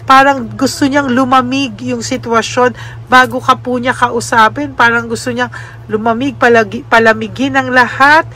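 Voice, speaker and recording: A Filipino woman giving a casual spoken card reading to her viewers, gentle and often adding little tag questions. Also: on the high side, fairly even intonation, normal speed. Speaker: tarot card reader.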